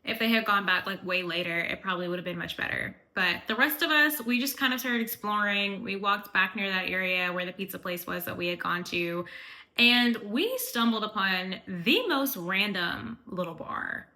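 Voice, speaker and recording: Chatty woman travel vlogger with a crisp, bright voice, casual recap. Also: medium pitch, expressive, moderate pace. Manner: chatty, fills speech with "like".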